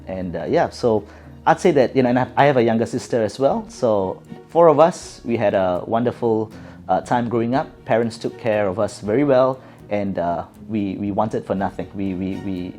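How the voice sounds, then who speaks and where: A man's voice: on the low side, normal speed, mellow, faint music behind. A middle-aged man from Singapore with a Singaporean English accent, giving thoughtful interview answers with many fillers and restarts. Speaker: guest.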